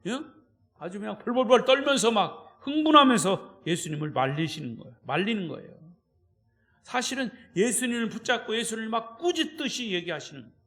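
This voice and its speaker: A man's voice: high-pitched, big pitch swings, fairly quick, fairly bright tone. A male pastor preaching an evening sermon, emphatic and often checking in with his listeners.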